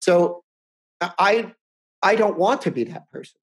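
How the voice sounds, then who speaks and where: In his fifties, this man co-hosts a casual podcast, speaking unhurriedly in a high, husky voice with vocal fry and lively intonation. He wanders through his thoughts, starts over often, and chuckles.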